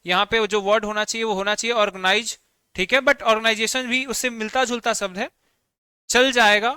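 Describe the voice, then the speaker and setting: A man's voice: high voice, fairly even intonation, fairly quick, bright, forceful tone, smooth, no room sound, clean studio sound. A man teaching a vocabulary lesson online, explaining words with everyday examples and often checking in with the class. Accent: Bihari Hindi.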